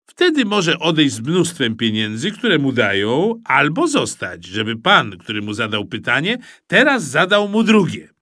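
A man reading a children's story aloud in an expressive, animated manner, narrating as the child. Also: mid-range voice, measured pace, dry recording, studio quality. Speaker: audiobook reader. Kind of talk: storybook reading of a child's first-person tale.

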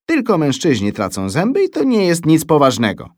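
A man's voice: fairly high pitch, wildly swooping pitch, a little fast, darkish tone, no room sound, clean studio sound, pitched above the performer's own voice. A man voicing a jolly father who lectures his son in a storybook reading. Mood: teasing. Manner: firm, lecturing.

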